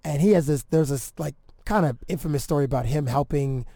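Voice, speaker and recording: A man hosting a podcast, chatting casually in a halting, slangy way full of "like.". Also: fairly high pitch, creaky, dark tone, dry recording, studio quality. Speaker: podcast host. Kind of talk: casual chat.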